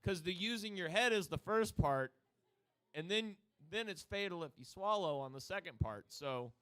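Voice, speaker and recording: A man's voice: sits high, lively intonation, moderate pace, sharp tone, smooth. A man with a New Jersey accent, co-hosting a casual chat about metal albums and rambling through jokes and side stories. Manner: rambling, joking, with exaggerated quoted voices. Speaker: podcast co-host.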